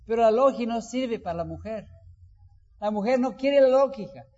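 Male preacher with a high, slow delivery, heard in an echoing hall on a muffled recording. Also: expressive. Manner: acts out quoted voices, rising to loud emphasis. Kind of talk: sermon. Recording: dull sound with long hall reverb.

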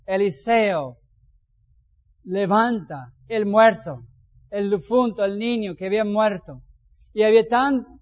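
A man, a pastor reading scripture aloud and commenting on it with folksy asides. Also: high-pitched. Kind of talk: Bible reading and sermon. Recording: dull lo-fi sound.

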